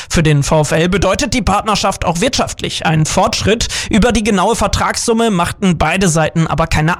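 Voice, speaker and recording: A man reading regional radio news in a formal, even way. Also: sits high. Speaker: newsreader.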